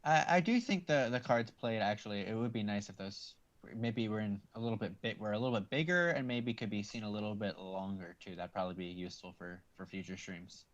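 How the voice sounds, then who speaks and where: A man commentating a card game stream, explaining plays in a measured, slightly hesitant way. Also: fairly low pitch, lo-fi sound.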